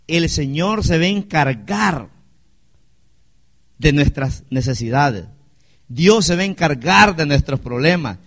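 A man's voice: a little high, lively intonation, takes it slowly, pauses often, a bit bright. A male pastor, preaching a sermon with rhetorical questions to his congregation.

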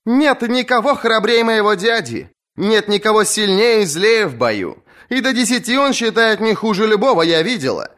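A defiant young woman captain mocks her rivals in a storybook reading, voiced by a man pitched well above his own voice. She taunts and commands with lively, sweeping intonation. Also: normal speed, hardly any pauses. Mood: defiant mocking. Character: young fierce female sea captain, mocking. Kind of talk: audiobook reading.

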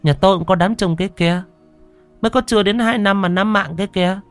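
A man voicing an excitable village gossip who talks quickly and eagerly. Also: high-pitched, soft background music, pitched above the performer's own voice, lightly acted.

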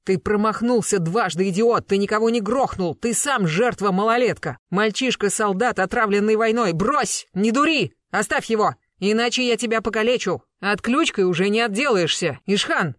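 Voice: medium pitch, normal speed, hardly any pauses, fairly bright tone, no room sound, studio quality, pitched above the performer's own voice, natural voice. A reader voicing a stern, commanding man who barks orders and threats in a raised voice. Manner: barking orders.

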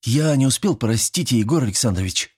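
A man's voice: mid-range voice, lively intonation, darkish tone, slightly rough, pitched above the performer's own voice. A man reading an audiobook, voicing a nervous teenage schoolboy who hiccups and delivers grim predictions. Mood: pleading. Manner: hiccuping, drawn-out and mock-tragic.

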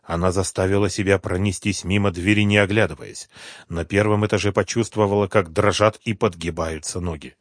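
A man reading a story aloud as narrator, in a tense, measured way. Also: low voice, steady tone, dry recording, clean studio sound. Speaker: audiobook narrator. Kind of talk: scripted narration.

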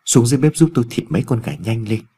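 A man's voice: mid-range voice, animated, fast, dark tone, slightly rough. A man voicing a bossy older village wife who scolds and nags, in a narrated ghost story. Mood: scolding. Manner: brusque, nagging.

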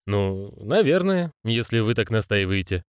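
A man's voice: fairly low pitch, big pitch swings, unhurried, clear, resonant tone, no room sound, clean studio sound. A male reader voicing a jittery young conman who talks in a raised, flustered, protesting way. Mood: irritable. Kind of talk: audiobook character reading.

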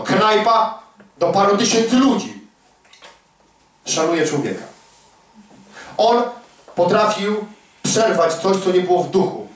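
A man preaching a fervent, emphatic sermon, swinging from hushed asides to near-shouts. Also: sits high. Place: church prayer hall. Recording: very echoey hall, from a distance.

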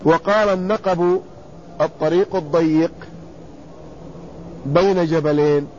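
Slow, deliberate male lecturer, lo-fi recording. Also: fairly high pitch, a little mellow, a little hiss or hum. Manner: reads a passage, then explains it slowly and deliberately. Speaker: teacher of hadith sciences. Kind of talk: classical text lecture.

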